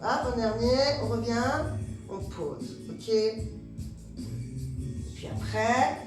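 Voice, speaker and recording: Female pilates teacher guiding a class in slow repeated cues, heard from afar over music. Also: on the high side, far from the mic. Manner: calm cueing of breath and movement, repeats words slowly. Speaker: pilates instructor. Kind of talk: guided exercise class instruction. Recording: echoey room, voice from afar, music behind. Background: background music.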